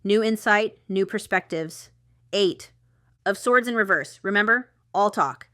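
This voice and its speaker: Chatty and rambling, the woman pulls an intuitive tarot reading for the viewer while thinking aloud, as a reader who runs her own channel. Her voice is mid-range and a touch slow, pushed and bright, recorded at studio quality without echo.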